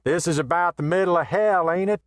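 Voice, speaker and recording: A man voicing a big, brash western saloon owner who talks in a rough folksy drawl and blusters threats. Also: high-pitched, a little fast, no room sound, voice pushed up, lightly acted. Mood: swaggering.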